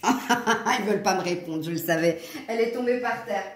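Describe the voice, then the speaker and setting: A woman's voice: mid-range voice, moderate pace, reverberant. A woman with a southern French accent giving a chatty tarot reading straight to her viewers, laughing often between remarks. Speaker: tarot card reader.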